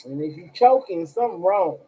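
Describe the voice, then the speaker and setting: A woman's voice: on the low side, big pitch swings, fairly quick, warm tone, breathy edge, poor audio. A woman chatting casually on a livestream as a tarot reader, blunt and profane, talking straight to her viewers. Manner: blunt and profane, talks to chat directly.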